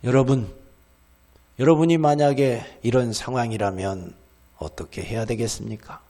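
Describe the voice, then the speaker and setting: A middle-aged man, a pastor, preaching a sermon. He keeps asking the congregation questions and answering them himself, acts out people's complaints in lively voices, and lets many phrases sink to a hush. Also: medium pitch. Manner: drops to a hushed voice at the ends of phrases.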